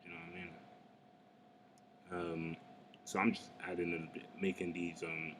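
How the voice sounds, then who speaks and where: A man's voice: low-pitched, flat delivery, moderate pace, a bit bright, slight background noise. A young Englishman, chatting casually and rambling with lots of slang while he works on a digital painting. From England. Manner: laid-back, slangy, rambling. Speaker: artist. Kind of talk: casual chat while drawing.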